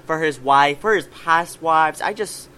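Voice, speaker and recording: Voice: medium pitch, unhurried, sharp tone. A podcast co-host telling a story animatedly, full of fillers like "you know" and "like". The voice sits in a middle register, with a faint hiss behind it. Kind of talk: casual chat.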